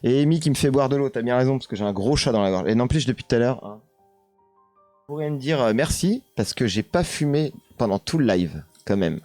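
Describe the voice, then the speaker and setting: A man's voice: medium pitch, animated, fairly quick, a little mellow, dry recording, soft background music. A man with a French accent hosting a casual live stream, hesitant with many fillers, reading chat comments aloud and answering them.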